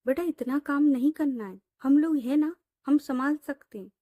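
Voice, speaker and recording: A woman's voice: high voice, moderate pace, dark tone, no echo, studio quality, natural voice. Woman voicing a stern, loving father. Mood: tender. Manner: scolding tenderly. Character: caring middle-aged father, stern but loving.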